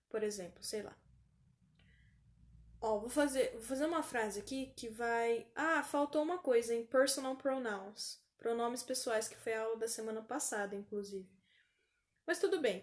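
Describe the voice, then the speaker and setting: Teaching English online, a Brazilian Portuguese–accented woman with a slightly high voice slowly says every word again for pronunciation practice.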